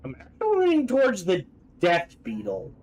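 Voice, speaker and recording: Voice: medium pitch, wildly swooping pitch, normal speed, a little mellow. A game streamer giving casual gameplay commentary, thinking aloud.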